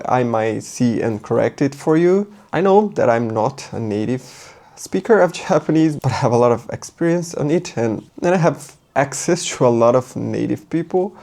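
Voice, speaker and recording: Medium-pitched and dark in tone, this male language teacher, a native Portuguese speaker, talks through a casual lesson. He mutters while writing, thinks out loud, and keeps asking "right?" in a relaxed, chatty way.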